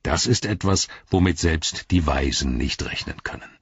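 A man voicing an ancient, wise wizard who speaks in a grave, measured, riddling way in an audiobook reading. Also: a bass voice, lively intonation, slightly rough, no echo, highs cut off, full character voice. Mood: solemn.

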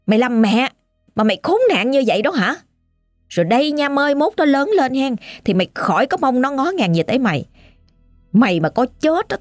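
A raging grandfather's ghost, put on by a woman narrator, barking threats and scolding with a Southern Vietnamese accent. The voice is pushed higher and louder than her telling, swinging widely in pitch, in a dry close recording for a spoken horror story. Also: no echo, lightly acted. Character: furious dead grandfather's spirit possessing his granddaughter.

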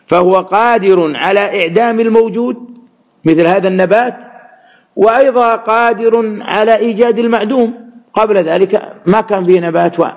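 A man teaching Quran commentary, measured and repeating words to stress them. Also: high-pitched. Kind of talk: religious lesson explaining verses.

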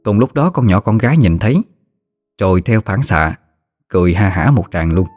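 Low-voiced man telling a folksy story. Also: moderate pace, no room sound. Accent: Southern Vietnamese. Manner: lively, slangy, teasing. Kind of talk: colloquial story narration. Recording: faint music behind.

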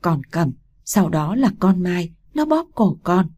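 A woman's voice: fairly low pitch, sing-song, takes it slowly, darkish tone, full character voice. Woman doing a panicked young wife. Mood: pleading. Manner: panicked, pleading. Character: terrified young daughter-in-law, guilty and scheming.

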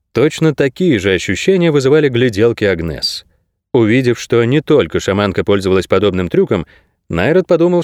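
A male audiobook narrator with a mid-range voice that moves lively up and down as he tells the story. His delivery is steady and expressive, recorded close on a dry studio mic with no room sound. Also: medium pitch, dry recording. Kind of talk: scripted narration.

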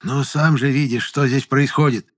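A man's voice: mid-range voice, fairly even intonation, normal speed, voice pushed up, close to an everyday voice. A man voicing a shrewd old village fortune-teller. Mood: insistent. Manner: sharp, probing, commanding, then grieving.

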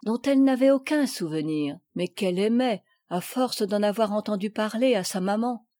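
A woman reading a classic children's novel aloud in scripted narration, with an even, measured delivery. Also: medium pitch, no room sound, clean studio sound. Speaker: audiobook reader.

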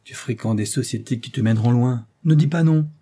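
A man's voice: medium pitch, brisk, warm tone, pitched above the performer's own voice, natural voice. A man reading an audiobook, voicing an exasperated former army sergeant who scolds a young rascal. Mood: scolding.

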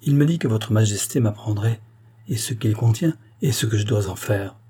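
Brief: male narrator voicing a devoted maid, earnest pleading reads, husky. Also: on the low side, expressive, normal speed, mellow. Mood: imploring. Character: devoted, anxious lady's maid.

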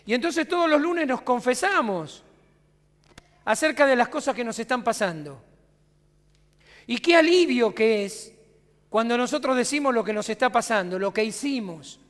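A man's voice: very high-pitched, expressive, moderate pace, pauses often, fairly bright tone, big-room sound. A man with a Rioplatense Argentine accent preaching a conversational sermon as pastor, asking his congregation rhetorical questions. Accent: Rioplatense Spanish. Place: church sanctuary.

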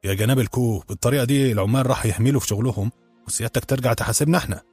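A man voicing a rough, quick-tempered middle-aged head chef, speaking fast and scornfully with an Egyptian accent. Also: fairly low pitch, lively intonation, darkish tone, soft background music. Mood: angry. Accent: Egyptian Arabic.

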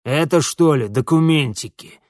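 A man's voice: on the high side, moderate pace, no echo, studio quality, natural voice. A man voicing an obsequious rustic village police sergeant who whines and grovels. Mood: smug. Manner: whining, obsequious.

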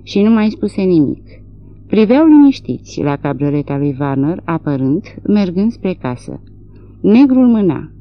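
A woman narrating a literary audiobook in a measured, expressive reading, from a dull lo-fi recording. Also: sits low. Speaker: audiobook reader.

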